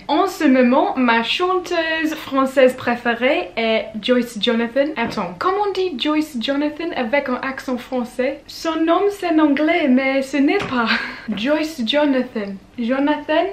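A young woman from England chatting casually in a vlog, speaking slowly and carefully and laughing often. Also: sits high, roomy sound. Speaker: vlogger. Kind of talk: casual vlog, learning French. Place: indoors at home, study.

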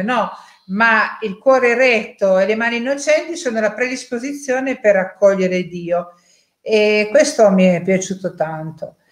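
An Italian woman shares a casual reflection on scripture, pausing often and checking in with little tag questions. Her voice sits at an ordinary middle pitch. The room around her is noticeably echoey. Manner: thoughtful, hesitant, tag questions and fillers. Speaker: parishioner sharing a Bible reflection.

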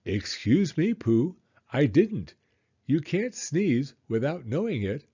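A man's voice: on the high side, big pitch swings, slow pace, mellow, breathy edge, dull audio, voice pushed up, full character voice. A man voicing a pompous, long-winded owl in a children's storybook, formal and emphatic. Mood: indignant. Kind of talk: children's storybook character reading.

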